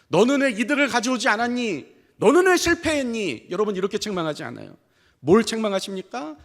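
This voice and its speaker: A male pastor preaching a sermon in a church, animated, asking rhetorical questions and dropping short affirming fillers. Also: very high voice. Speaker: senior pastor. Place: church sanctuary. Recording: long church hall reverb.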